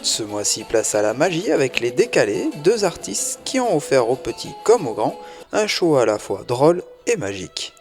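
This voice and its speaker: Male news reporter, scripted voiceover, animated delivery over soft music. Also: mid-range voice, normal speed.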